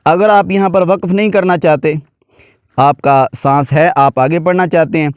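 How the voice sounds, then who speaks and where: A man teaching Quran recitation, his voice fairly high and resonant. He explains each rule patiently, then chants the verses slowly with long drawn-out vowels. The sound is dry and close. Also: steady tone, darkish tone, clean tone, no echo. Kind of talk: tajweed lesson with chanted recitation.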